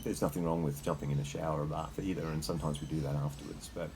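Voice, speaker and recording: Low-voiced Australian man, slightly shivering. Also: fairly even intonation, fast talker, a little mellow, a little hiss or hum. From Queensland, Australia. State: slight shiver in the voice from sitting in icy water. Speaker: host. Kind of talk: casual unscripted talk. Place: sitting in a freezer full of icy water.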